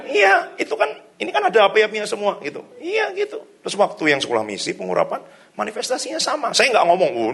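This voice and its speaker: Gravelly-voiced middle-aged pastor preaching. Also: male voice, a little high, a bit bright. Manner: conversational storytelling, laughs often, javanese-flavoured casual indonesian. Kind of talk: sermon. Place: church hall.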